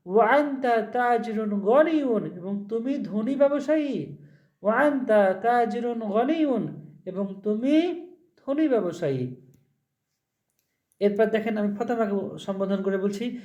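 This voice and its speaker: A man with a notably high voice gives a recorded Arabic lesson. He speaks Bengali as his first language. He explains patiently and says each example sentence slowly, more than once. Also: darkish tone. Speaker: Arabic teacher.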